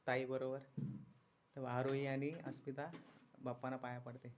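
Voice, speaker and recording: A man's voice: mid-range voice, monotone, normal speed, highs cut off, slight background noise. A man from the Konkan region narrating a casual walking tour as a vlogger, upbeat and full of praise for what he films. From Konkan, India. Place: village outdoors in rain.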